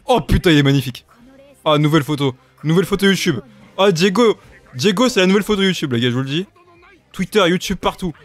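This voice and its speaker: A man making a casual reaction video, talking in loose slang with sudden loud outbursts. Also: sits high, lively intonation, quick pace. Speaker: YouTuber.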